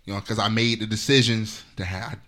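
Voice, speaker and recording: A man's voice: lowish voice, fairly even intonation, brisk, bright, forceful tone. A man co-hosting a podcast, joking around with friends in casual banter and laughing often. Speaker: podcast co-host.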